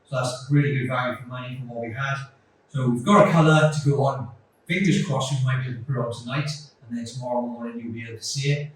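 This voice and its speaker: In a bungalow room being renovated indoors, a man who works as a builder and carpenter explains his DIY job in casual vlog style, practical and step by step as he goes. His mid-range voice keeps a steady tone at a quick pace. The phone he holds while working picks up an echoey bare room and faint noise.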